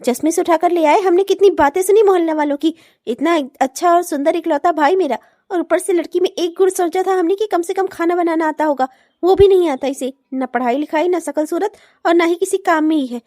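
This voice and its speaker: A bratty cartoon sister-in-law, voiced by a woman who teases and taunts with sarcastic giggles. The voice is piercingly high, with a dry, close sound. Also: brisk, mellow, no room sound. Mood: scornful. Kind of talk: comic cartoon voice acting.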